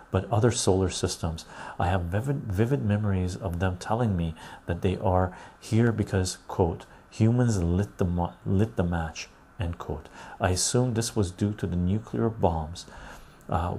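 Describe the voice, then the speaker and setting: Low gravelly guy reading chat on a stream, mellow tone, keeps saying right, faint noise behind. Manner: reads viewer comments aloud and riffs on them. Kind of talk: casual chat.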